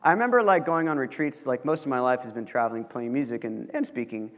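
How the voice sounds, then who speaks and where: Speaking quickly with a mid-range, somewhat bright voice, the young guest lecturer keeps his college talk relaxed and jokey, full of fillers. The sound echoes with the long reverb of a big hall.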